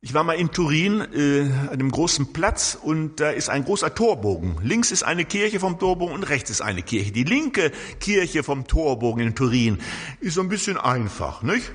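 Older male preacher, lively sermon delivery, husky tone, long church reverb. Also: a little high, moderate pace. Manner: lively storytelling with frequent tag questions.

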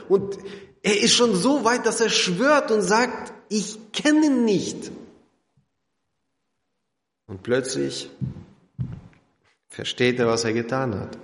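A man's voice: a little high, very animated, unhurried. Dramatic male preacher in echoing hall. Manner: dramatic, drops to quiet intense tones; addresses listeners directly. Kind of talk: sermon. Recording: echoey hall with long reverb.

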